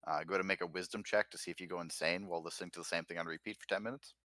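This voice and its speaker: A man narrating as game master, relaxed and full of fillers. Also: low voice, racing, no room sound. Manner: relaxed, filler-heavy narration with many uhs.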